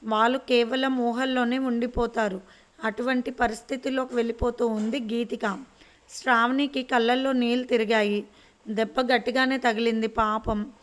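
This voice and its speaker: A woman narrating a serial romance story in a steady, even reading. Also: on the high side, moderate pace.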